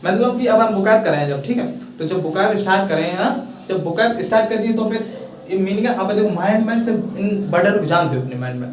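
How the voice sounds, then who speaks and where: A man's voice: sits high, fairly quick, a little hiss or hum. A young man with a Hindi accent, explaining a pronunciation lesson to students and checking often that they follow. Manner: repeats "thik hai" often, coaxing and encouraging. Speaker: English teacher. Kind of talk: casual classroom explanation. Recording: echoey room, voice from far off.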